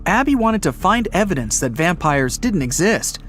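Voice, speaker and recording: Male narrator for riddle stories, slightly high voice, very animated delivery. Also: normal speed, faint music behind.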